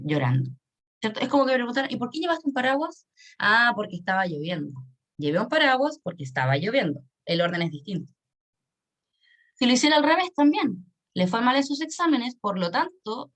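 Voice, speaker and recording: A woman teaches an online English lesson. She explains patiently, repeats key points and keeps checking that the students follow. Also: medium pitch.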